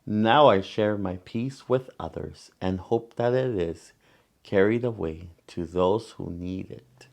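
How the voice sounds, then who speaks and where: Reading a picture book to children, a man with a deep, gravelly voice tells the story in a gentle, deliberate way. He leaves pauses between phrases and slips in little asides.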